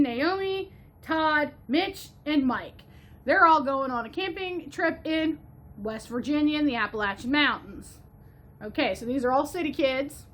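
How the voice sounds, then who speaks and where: A woman's voice: high-pitched, a bit bright. A woman from Ohio giving a chatty, gushing movie review, slipping now and then into a playful mock Southern drawl. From Northwest Ohio, USA.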